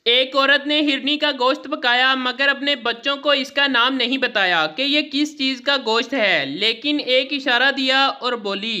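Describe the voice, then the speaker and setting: A woman with a high, very bright and piercing voice reads out short jokes one after another. Her delivery is brisk and even, like a storyteller moving quickly to each punchline. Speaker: joke reader. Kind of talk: reading jokes aloud.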